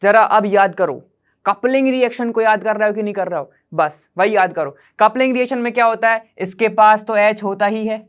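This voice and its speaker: Speaking a little fast in a high, slightly bright and clean voice, a man walks viewers through chemistry problems step by step. He chats, tests the viewer with questions, and keeps saying "theek hai" to check in as he goes.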